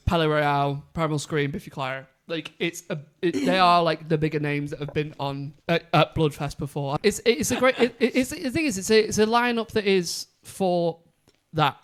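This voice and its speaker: A Scottish man co-hosting a podcast, chatting casually and excitably and swearing freely as he runs through festival lineups. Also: a little high, normal speed, clear, resonant tone. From Scotland. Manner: excitable, swears freely, lists band names. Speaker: podcast co-host. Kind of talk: casual chat.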